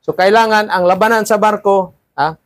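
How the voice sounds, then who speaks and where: A man's voice: high-pitched, normal speed, a bit bright, dry recording. A man teaching a class of seafarer trainees, lecturing and often checking in with "ha?" and "di ba?". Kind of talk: classroom talk.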